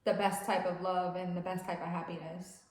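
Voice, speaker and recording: Woman guest, earnest and heartfelt, mid-pitch voice, roomy echo. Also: little pitch movement, brisk. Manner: earnest, giving heartfelt advice. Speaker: guest, host's sister. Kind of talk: casual chat over a meal. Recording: echoey room.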